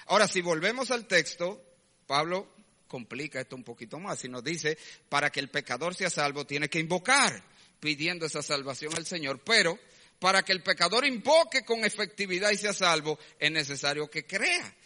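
A man's voice: a little high, animated, moderate pace, pushed and bright. A man preaching a sermon as a pastor, emphatic, acting out quoted voices and asking rhetorical questions. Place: church. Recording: long church hall reverb.

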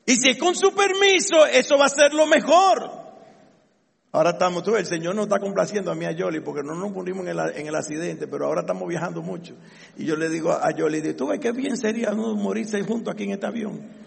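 High-voiced, gravelly man preaching. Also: quick pace, big-room sound. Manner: animated preaching, acting out quoted voices. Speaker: pastor. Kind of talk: sermon.

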